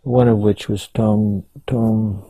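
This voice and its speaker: An older man telling stories in an oral history interview, halting and rambling, with many restarts. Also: on the low side, flat delivery, warm tone, no echo, low-quality recording. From Canada.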